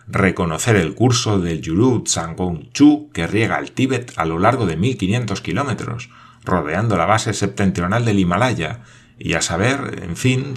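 In an audiobook reading, an excitable, absent-minded geographer, played by a man, declaims in a rapid, enthusiastic rush. The voice sits low and deep for all his eagerness. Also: slightly rough, full character voice.

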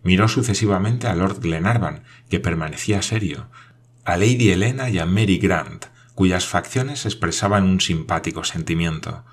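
A man narrating a classic novel as an audiobook, telling the story in a steady, expressive way. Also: sits low, normal speed, breathy edge.

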